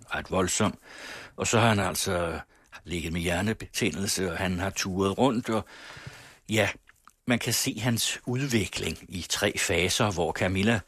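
Radio reader, male, lowish husky voice, unhurried, dry studio sound. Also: fairly bright tone, no echo. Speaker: radio host reading classic literature. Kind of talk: literary reading and commentary.

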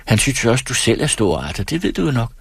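A man's voice: medium pitch, big pitch swings, creaky, slightly rough, dry recording, voice pushed up, exaggerated voice. Man reading as Inger, a teasing young wife. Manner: lightly mocking, quick, teasing. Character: teasing restless young married woman.

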